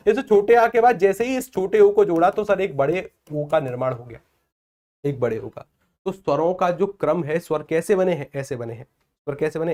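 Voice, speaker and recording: Lively Hindi teacher, man, fairly high voice. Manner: lively, asks and answers his own questions; playful, acts out village celebration chants. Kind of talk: exam-prep classroom lecture.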